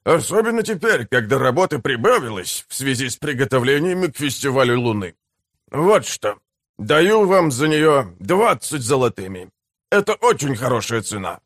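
A man's voice: medium pitch, big pitch swings, moderate pace, fairly bright tone, no echo, studio quality. A man voicing a pompous, scheming male mayor in an audiobook, speaking in a grand, lecturing way. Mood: bargaining.

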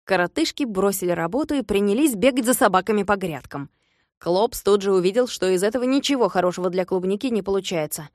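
A woman narrating a children's tale with lively, expressive storytelling. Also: medium pitch, fast, no room sound. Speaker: audiobook narrator. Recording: dry close recording.

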